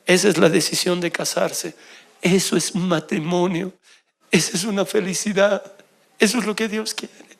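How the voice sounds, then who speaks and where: A middle-aged man preaching an emotional sermon as pastor, swinging between loud exclamations and soft confessional tones. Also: sits high, fairly even intonation, moderate pace, gravelly.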